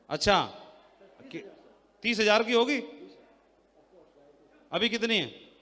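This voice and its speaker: A man giving a motivational sales talk on a handheld mic to a live audience, loud and teasing, quizzing the crowd. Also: high voice, big pitch swings, extremely slow, big-room sound. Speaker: seminar speaker. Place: large hall with an audience.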